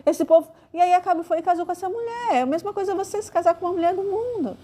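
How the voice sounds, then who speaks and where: Brazilian lady preaching like she's chatting, high pitched, lots of "né" and "tá" type fillers. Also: fast talker, warm tone. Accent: Brazilian Portuguese. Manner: conversational, hesitant with fillers, acts out quoted voices. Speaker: Bible teacher. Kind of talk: informal sermon.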